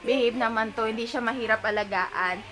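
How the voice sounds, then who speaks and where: A woman's voice: on the high side, fairly quick, over music. A young Filipino woman with a Filipino accent, chatting casually to viewers in a home vlog, recorded by a camera on a tripod in her bedroom. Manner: chatty, addresses viewers as sisters, mixes in English. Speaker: vlogger and young mother.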